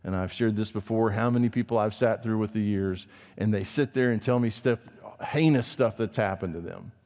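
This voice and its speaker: Preaching man in a reverberant hall. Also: normal speed. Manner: preacherly, rising to emphatic peaks then dropping low and quiet. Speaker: pastor. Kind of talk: sermon. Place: church sanctuary.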